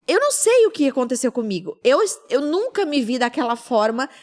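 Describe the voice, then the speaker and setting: Her voice is high-pitched and darkish in tone, with big swings in pitch and a brisk pace. This thirties-aged podcast host shares a heartfelt personal story in relaxed chat, voicing the lines of the people she quotes.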